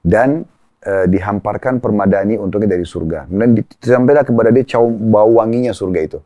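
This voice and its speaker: A man speaks as an Islamic preacher and guest, explaining religious teaching in a calm, measured way. His voice sits low and mellow. He lays out his points in order and cites sayings as he goes, and the sound is dry and close. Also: no room sound.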